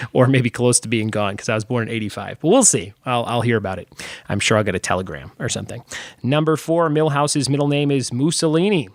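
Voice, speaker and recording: A man's voice: mid-range voice, dry recording, clean studio sound. Chatty man in his thirties hosting. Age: 30s. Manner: chatty and upbeat, quick laughs and loose asides. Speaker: podcast host. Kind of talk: casual podcast chat. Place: home room.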